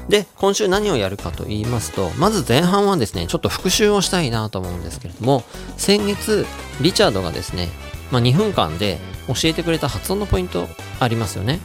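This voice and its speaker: Man, English pronunciation teacher, show host, lively delivery, gravelly, animated pitch, music underneath. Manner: lively, demonstrates English sounds slowly and clearly. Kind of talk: radio-style English lesson.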